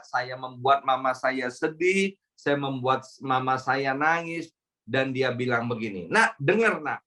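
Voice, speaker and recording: Bright-voiced male pastor preaching. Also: medium pitch. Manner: chatty and conversational, frequent tag questions; addresses the congregation directly. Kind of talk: church sermon.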